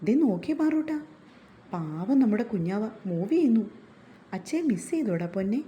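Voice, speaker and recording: A woman voicing a caring young husband who speaks gently and coaxingly in a read-aloud story. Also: mid-range voice, very animated, normal speed, slight background noise, close to an everyday voice. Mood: tender.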